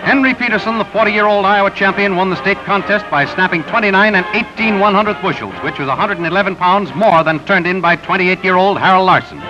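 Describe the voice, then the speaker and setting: High-voiced man narrating an old newsreel. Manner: brisk announcer delivery of results. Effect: old 1930s newsreel soundtrack. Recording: dull lo-fi 1930s newsreel with music. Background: music bed.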